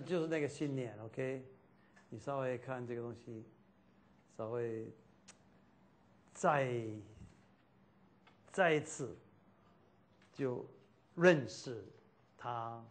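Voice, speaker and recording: Slow-speaking man teaching a class. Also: medium pitch. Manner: loose, repetitive, mixing in English fillers.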